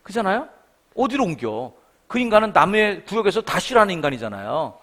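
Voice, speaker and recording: A middle-aged man preaching a sermon in a church, his pitch leaping up and down as he tells stories. His voice sits a little high for a man, and he slips into the voices of the people he quotes. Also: a little fast. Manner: animated storytelling, acting out quoted voices. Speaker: guest revival preacher. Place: church sanctuary.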